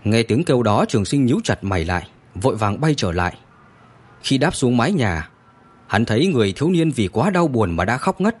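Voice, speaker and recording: A man narrating a story in an expressive, dramatic scripted reading. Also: medium pitch, a little fast, slightly rough.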